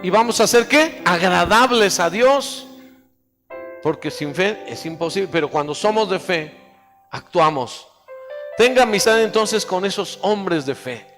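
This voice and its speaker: A man's voice: sits high, lively intonation, unhurried, a bit bright. A male pastor preaching a sermon, calling on the congregation to repeat phrases after him. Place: church hall. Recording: church hall reverb with faint music.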